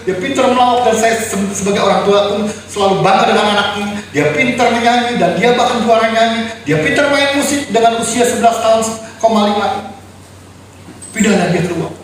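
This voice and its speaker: A man preaching an emotional sermon, grieving and crying out in anguish as he testifies to his listeners. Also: extremely high pitch. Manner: grieving, cries out and shouts in anguish; addresses listeners as brothers and sisters. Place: apartment worship room. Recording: very echoey room, distant mic, faint noise.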